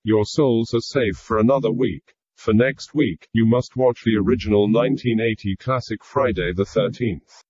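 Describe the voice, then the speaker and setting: A man's voice: fairly low pitch, moderate pace, a little mellow, husky, dry recording. A man voicing a polite male demon robot butler who speaks in a formal, announcer-like way. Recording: dull, dry lo-fi sound.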